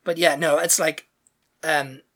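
A woman's voice: low voice, fairly even intonation, measured pace, a bit bright. A woman co-hosting a podcast, chatting casually and acting out the people she quotes, with many fillers. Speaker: podcast co-host. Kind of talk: casual chat reacting to comments.

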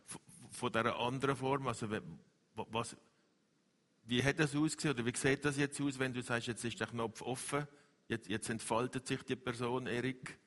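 Man, interviewer, probing and halting questions, middle pitch, long hall reverb. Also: fairly even intonation, fairly bright tone. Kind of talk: faith interview.

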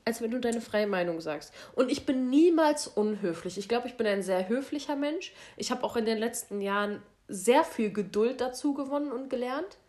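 A woman's voice: a little high, lively intonation, moderate pace, few pauses, darkish tone. A young woman in casual chat, blunt and outspoken in how she talks.

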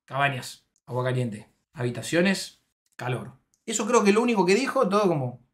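A man's voice: on the high side, expressive, normal speed. A man with an Argentine accent casually telling viewers a story in a loose, slangy, self-mocking way, often trailing off and restarting. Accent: Argentine Spanish. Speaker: streamer telling a travel story.

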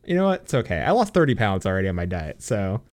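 A fast-talking young man with a fairly low, slightly mellow voice and big pitch swings co-hosts a casual gaming podcast. He speaks over a voice call on a computer mic, in a dry recording. He laughs in giggles, swears freely and uses many fillers.

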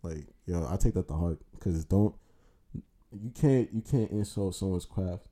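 A man's voice: deep voice, a little slow, warm tone. A man chatting casually in street slang as a guest on a podcast. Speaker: musician. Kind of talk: casual chat.

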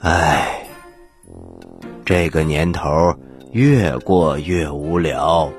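A man voicing a bored, courteous stone statue in a children's story, husky and hesitant. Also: a bass voice, very slow, faint music behind, pitched below the performer's own voice, full character voice. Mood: bored, weary. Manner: hesitant, sighing, ponderous.

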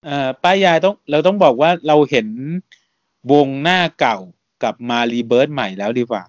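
A man hosting a casual podcast, talking in a relaxed, chatty way and laughing often. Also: fairly high pitch, brisk, no room sound, dull audio. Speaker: podcast host.

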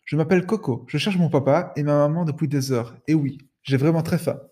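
A man's voice: a little high, fairly quick, mellow, lightly acted. A man voicing a small, lost young parrot who talks in a childlike, whiny way. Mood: plaintive.

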